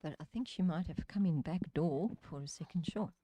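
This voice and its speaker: Deep mellow woman, golf-style commentary. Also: a little fast, breathy edge. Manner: brief golf-style remarks on each shot. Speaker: lawn bowls co-commentator. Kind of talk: live sports commentary. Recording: faint background noise.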